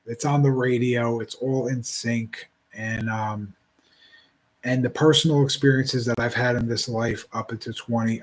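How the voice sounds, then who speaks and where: A man in his forties with a mid-range voice gives a casual, reflective monologue, rambling and halting with many restarts.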